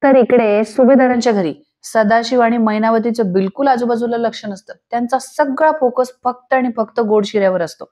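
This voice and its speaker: Lively young woman retelling a serial. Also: on the high side, moderate pace, few pauses. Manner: lively storytelling, voicing every character. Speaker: serial episode recap narrator.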